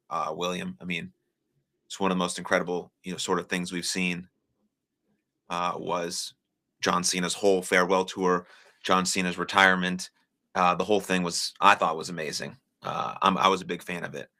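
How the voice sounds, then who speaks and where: Chatting with viewers on his live stream, a young American man speaks low, with a bright, forceful edge and little pitch movement. He's casual and encouraging, never scripted, and leans heavily on filler "uh"s.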